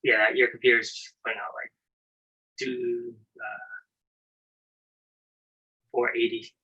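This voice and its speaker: A man's voice: mid-range voice, flat delivery, takes it slowly, slightly rough, dull audio. A man hosting a casual live stream, chatting and greeting viewers by name. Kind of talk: casual chat.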